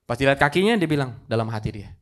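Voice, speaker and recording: A man's voice: mid-range voice, expressive, very fast. A male pastor preaching a live church sermon, telling a story dramatically and rising to emphatic peaks. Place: church service, recorded live.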